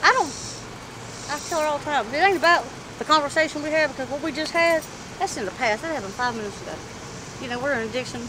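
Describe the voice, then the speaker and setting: A middle-aged woman chatting candidly in a street interview, animated and talkative, in an outdoor parking lot. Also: high voice, fast talker. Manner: animated, chatty, acts out quoted voices. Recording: street noise in the background.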